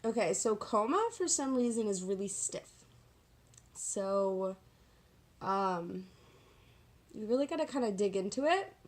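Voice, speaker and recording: A woman's voice: mid-range voice, expressive, a little slow, pauses often. A woman giving a casual, chatty get-ready-with-me makeup tutorial, talking in a sassy, slangy, self-deprecating way. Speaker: makeup vlogger.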